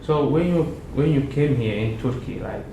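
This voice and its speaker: A man's voice: mid-range voice, animated, normal speed, warm tone. A young man from Somalia answering interview questions casually, with hesitant speech and frequent restarts. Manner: hesitant, many restarts and fillers. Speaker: interview guest, MBA student. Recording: echoey room with background noise.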